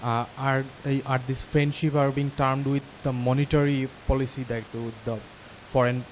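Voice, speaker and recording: Flat-voiced man, faint hiss. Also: mid-range voice, poor audio. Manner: halting, flat delivery. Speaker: audience member asking a question.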